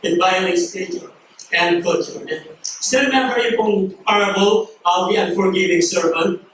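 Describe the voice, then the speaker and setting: A Filipino man preaches a sermon in a fairly high voice, telling a story and playing its characters in switched Tagalog and English. He sounds far from the mic, in a very echoey hall with a faint hiss behind him. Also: a little slow, fairly bright tone. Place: church hall.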